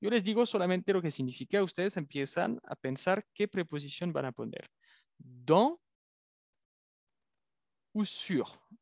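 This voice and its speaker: A man's voice: high-pitched, lively intonation, creaky, no room sound, clean studio sound. A man teaching a French lesson, carefully drawing out and repeating each French word for his learners. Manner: careful, drawn-out pronunciation of French words. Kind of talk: language lesson.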